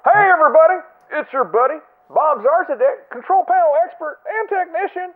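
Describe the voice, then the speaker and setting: Heard as a voicemail over a phone line, a man plays a cheerful, clueless caller in a comedic prank, rambling obliviously and chuckling. His voice is very high-pitched and animated, and he talks fairly quickly.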